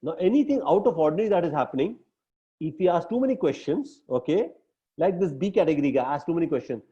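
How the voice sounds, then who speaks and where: A man's voice: fairly high pitch, lively intonation, fast talker, dark tone. Emphatic Indian English male coach. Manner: emphatic, repeats tag questions. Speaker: business coach. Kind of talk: coaching talk to a team. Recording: dull lo-fi recording.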